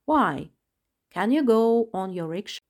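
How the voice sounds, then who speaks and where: A woman's voice: mid-range voice, lively intonation, a little slow, darkish tone. A woman voicing a sensible, attentive female doll in a children's audiobook, talking politely and reasoning things through.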